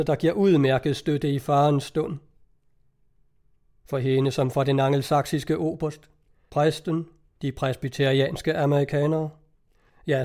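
A man narrating a novel aloud in a measured, even storytelling manner. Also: on the high side. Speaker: audiobook reader.

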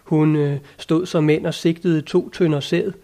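A down-to-earth squire from a storybook, blunt and folksy, as a male narrator reads him, in a fairly high voice. He answers plainly and matter-of-factly, without any grandeur. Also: steady tone, dark tone, natural voice. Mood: dry. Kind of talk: audiobook character reading.

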